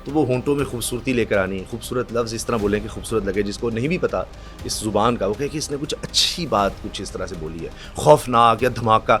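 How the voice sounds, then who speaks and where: A middle-aged man from Pakistan, a news anchor telling stories in a podcast chat, acting out quotes and reciting verse slowly. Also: fairly low pitch, fairly bright tone, faint music behind.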